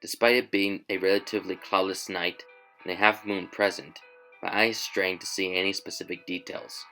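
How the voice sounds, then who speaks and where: A man narrating a scripted first-person horror story in a measured, tense way. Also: sits low, flat delivery, vocal fry, pushed and bright, soft background music, low-quality recording.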